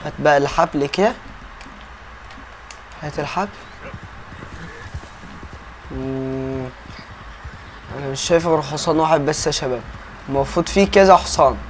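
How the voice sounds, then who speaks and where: A man's voice: fairly high pitch, normal speed, pauses often, noisy background. A young man with an Egyptian accent chatting through gameplay commentary, calling out to his viewers all the time. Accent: Egyptian Arabic. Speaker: gaming YouTuber.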